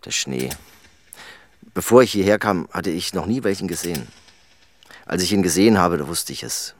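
A deep-voiced, brooding loner. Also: male voice, no room sound. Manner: calm, sparse replies; slow poetic monologue. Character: quiet, brooding man far from home. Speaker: friend, immigrant worker.

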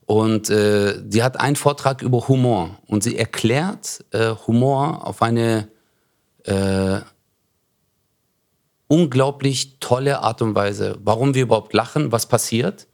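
A man's voice: mid-range voice, unhurried, creaky. A man with a Swabian accent, a comedian hosting a podcast, chatting casually and acting out dialogue as he tells stories. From Germany. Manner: animated storyteller who acts out dialogue in joke retellings. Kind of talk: casual conversation.

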